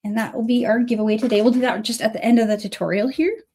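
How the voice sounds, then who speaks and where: Hosting a laid-back beading class on livestream, a woman in her thirties or forties talks quickly in a slightly high, husky voice roughened by a cold, with the occasional cough. She keeps things chatty and friendly, thanking viewers by name as she works.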